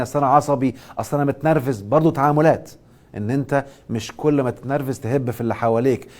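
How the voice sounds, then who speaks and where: On a live social media stream, an Egyptian-accented man offers motivational and religious guidance and takes questions from viewers. His medium-pitched delivery is emphatic, alternating between loud stress and quiet asides.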